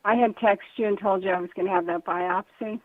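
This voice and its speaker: A woman caller, hoarse and still getting her voice back, chatting casually and rambling with lots of fillers. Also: medium pitch, fairly even intonation, brisk, dry recording. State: hoarse, recovering voice. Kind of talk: casual call-in chat. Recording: tinny phone line.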